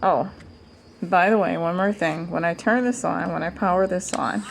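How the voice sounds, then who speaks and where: A woman's voice: fairly low pitch, moderate pace, creaky, noisy background. A woman giving a casual DIY demonstration to viewers, speaking informally and thinking aloud, her voice muffled by a mask over her mouth. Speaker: DIY tutorial host.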